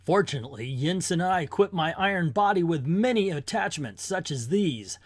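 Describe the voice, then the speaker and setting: Man playing an armored comic-book hero, declamatory, solemn, vengeful, slightly high male pitch, dry sound. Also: lively intonation, normal speed, no room sound. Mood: determined.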